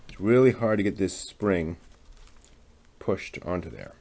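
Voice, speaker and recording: A man with a low, somewhat mellow, sing-song voice hosts a laid-back hobby stream, speaking a little slowly. He chats and mutters to himself while working with his hands on a model kit.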